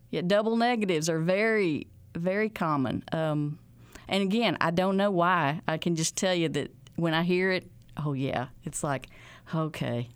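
A woman with an Ozark accent, an outreach coordinator telling stories in a folksy, drawn-out way. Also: lowish voice. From Ozarks, Arkansas. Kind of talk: storytelling interview.

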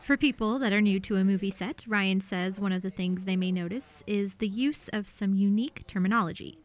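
A woman's voice: medium pitch, fairly quick. A woman reporter reading scripted narration for a radio news feature.

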